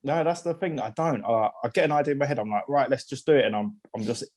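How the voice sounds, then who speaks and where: A man's voice: medium pitch, expressive, fast talker, a little mellow. Chatty man in casual banter. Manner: chatty, restarts sentences, swears freely. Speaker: podcast co-host. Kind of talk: casual chat.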